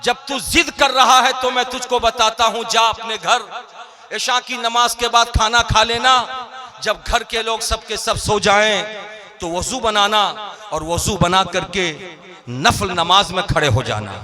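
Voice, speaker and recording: A man voicing a patient old scholar, high-voiced. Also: measured pace, heavily acted. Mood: patient advice. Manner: gently amused, patient. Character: calm elderly male scholar giving advice.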